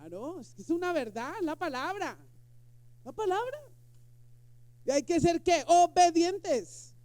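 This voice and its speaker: A woman's voice: very high voice, lively intonation, unhurried, dark tone, dry recording. A woman pastor preaching a sermon, emphatic and firing rhetorical questions at the congregation. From Colombia.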